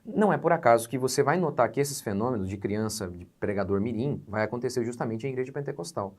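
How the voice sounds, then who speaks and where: A man's voice: mid-range voice, expressive, quick pace, darkish tone. A Brazilian man in his forties, a pastor teaching in a sermon, emphatic, posing rhetorical questions and swelling on key words. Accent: Brazilian Portuguese. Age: 40s.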